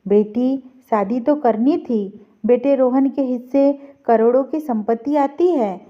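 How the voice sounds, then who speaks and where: A woman voicing an older mother-in-law in an audio story, speaking in a gentle, coaxing way. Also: high-pitched, a little slow. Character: older mother-in-law, soft persuasive matriarch. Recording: dull lo-fi recording.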